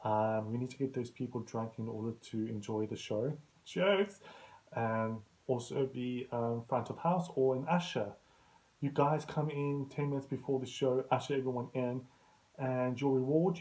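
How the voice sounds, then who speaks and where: A man hosts a casual talk show and rambles through backstage stories in a chatty, easygoing way. He often laughs at himself as he talks, and his voice sits at an ordinary middle pitch. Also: steady tone, normal speed, mellow, low-quality recording. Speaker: host. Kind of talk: casual anecdotal monologue.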